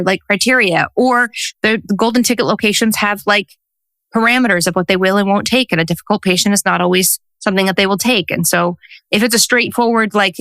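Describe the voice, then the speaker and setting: A woman's voice: mid-range voice, dry recording. A woman in her forties, a social worker and coach, telling stories in a casual interview and acting out what people said. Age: 40s. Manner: animated storyteller who acts out quotes.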